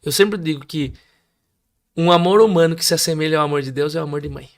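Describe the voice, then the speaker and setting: A Brazilian man with a high, gravelly voice tells his conversion story in a relaxed conversation. He is an animated storyteller who slips into the voices of the people in his story. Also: fast talker. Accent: Brazilian Portuguese. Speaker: guest preacher. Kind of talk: testimony in casual conversation.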